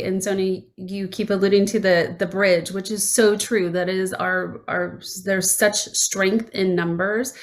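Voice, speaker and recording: Earnest woman guest, heartfelt. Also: mid-range voice. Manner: earnest, heartfelt, warm appeals. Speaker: foundation founder, guest. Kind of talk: conversational interview.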